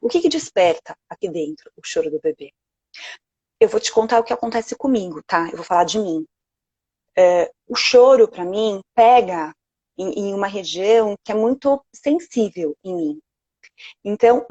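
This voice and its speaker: A woman with a Brazilian Portuguese accent, a sleep consultant speaking gently and reassuringly on a live video call. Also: mid-range voice, no room sound.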